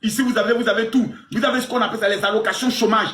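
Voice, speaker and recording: A man in his forties hosting a live stream, crude and teasing, with mock indignation that swings between loud outbursts and low mutters. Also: steady tone, very fast, roomy sound. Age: 40s. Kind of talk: provocative live stream banter.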